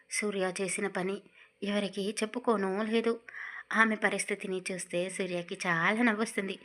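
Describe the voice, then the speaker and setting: A woman narrating a romance audio story in a steady, even reading. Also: mid-range voice.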